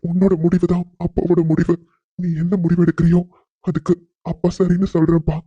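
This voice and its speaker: A thoughtful middle-aged father in a cartoon, gentle and measured. The tone is very dark and husky, with a dry, slightly dull recording. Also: high voice, level tone, dry recording. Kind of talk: cartoon voice acting.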